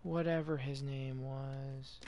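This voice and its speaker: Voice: mid-range voice, steady tone, slow pace, warm tone, a little hiss or hum. A streamer giving live, chatty commentary on a horror game, swearing freely.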